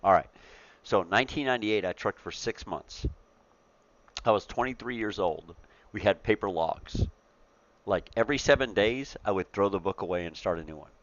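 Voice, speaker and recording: A man's voice: on the low side, lively intonation, normal speed, lo-fi sound. A man in his forties hosting a trucking talk show in casual, profane chat, laughing often and repeating himself. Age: 40s.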